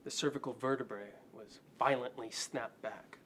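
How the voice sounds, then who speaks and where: A crime-scene doctor from a noir detective film played by a man, mid-pitched and in his thirties. He is fussy and precise, yet hedges as he speaks. Faint noise runs under the dialogue. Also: moderate pace, fairly bright tone, lightly acted. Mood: clinical.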